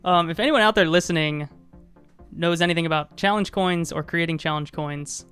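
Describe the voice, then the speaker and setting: A man's voice: a little high, normal speed, a bit bright, clean tone, faint music behind. A man co-hosting a podcast, chatting casually on a live stream and rambling with many fillers and restarts. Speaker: podcast co-host.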